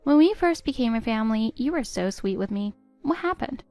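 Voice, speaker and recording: A woman voicing a patient, hurt middle-aged stepmother who pleads gently with her stepdaughter. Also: a little high, expressive, brisk, no echo, faint music behind. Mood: pleading. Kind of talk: text-story voice acting.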